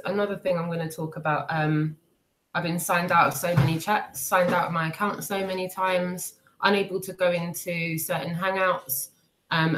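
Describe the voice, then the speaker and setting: A woman who sounds sick and bunged up, chatting casually and hesitantly to livestream viewers in an apologetic, rambling way. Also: fairly low pitch. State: unwell, congested, bunged up with a cold and cough. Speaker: livestream host. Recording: clearly noisy livestream audio.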